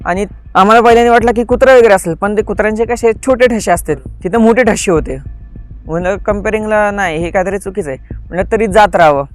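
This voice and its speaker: High-voiced man telling a tense story. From Pune area, India. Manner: vivid retelling, acting out quoted dialogue. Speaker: podcast guest. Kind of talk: storytelling in an interview.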